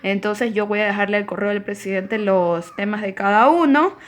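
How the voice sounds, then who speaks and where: Female teacher giving a remote class; clear explanations, stresses the rules, medium pitch. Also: normal speed. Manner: explanatory, emphatic on key rules. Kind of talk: recorded online class lecture.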